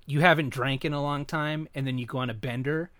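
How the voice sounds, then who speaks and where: A man's voice: medium pitch, fairly even intonation, brisk, a bit bright, dry recording. A man in casual chat, joking and teasing, often breaking into laughter.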